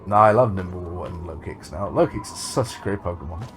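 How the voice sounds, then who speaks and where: A man's voice: sits low, fairly quick, a bit bright, faint music behind. A man streaming a game, chatting casually in a rambling way, trailing off and swearing as he goes. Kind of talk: casual livestream chat.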